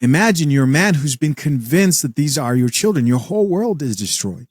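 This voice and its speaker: A man in his thirties hosting a commentary show, talking straight to viewers in a measured way with rhetorical questions. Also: on the high side, animated, no room sound, clean studio sound. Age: 30s. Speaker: host reacting to clips.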